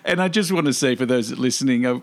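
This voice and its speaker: A podcast host interviews a guest, speaking quickly in a medium-pitched voice with no echo. He is a warm listener who affirms and admires his guest throughout the conversation.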